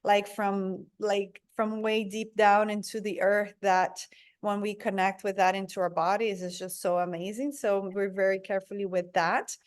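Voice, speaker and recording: Brazil-born woman, interview guest, earnest, halting with fillers. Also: medium pitch, level tone. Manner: earnest, searching for words, many fillers. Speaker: guest, product founder. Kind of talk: conversational interview.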